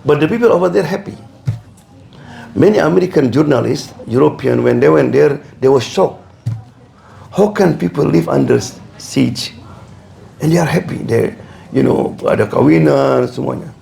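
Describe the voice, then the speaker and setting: A man's voice: fairly high pitch, unhurried, vocal fry, long pauses, mellow. A man, an imam, preaching a sermon, telling stories and acting out the people in them, switching between Indonesian and English. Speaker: imam giving a religious talk. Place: community hall. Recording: echoey room with faint background noise.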